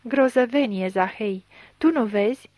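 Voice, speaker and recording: A woman's voice: a little high, a little mellow, dry recording, natural voice. A scared man whimpers and frets over his friend, read by a woman. The recording is dry and close. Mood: anxious. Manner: whimpering, anxious. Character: frightened Bulgarian man, anxious friend. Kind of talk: audiobook reading.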